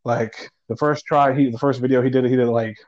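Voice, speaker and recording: A man's voice: medium pitch, steady tone, brisk, a little mellow, lo-fi sound. A man co-hosting a casual gaming chat over a remote call, rambling, swearing and laughing as he tells stories. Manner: rambling, profane, laughs often. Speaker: podcast co-host. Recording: call audio, at times garbled.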